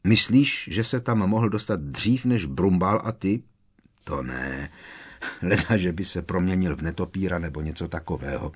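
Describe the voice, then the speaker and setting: A man's voice: low voice, lively intonation, husky. A man reading aloud, voicing a worried teenage boy wizard who speaks urgently and with emphasis.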